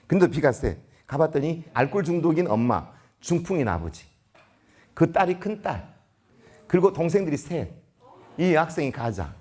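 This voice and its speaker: Animated husky-voiced man telling stories. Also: fairly high pitch. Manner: animated, acts out dialogue. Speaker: lecturer at a principals' training. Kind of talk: storytelling lecture.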